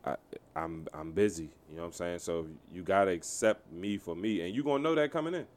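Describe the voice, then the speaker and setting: A man's voice: sits low, a little fast. A man in his thirties talking candidly and profanely in a casual podcast chat, leaning on emphatic filler phrases. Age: 30s. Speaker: podcast co-host and DJ.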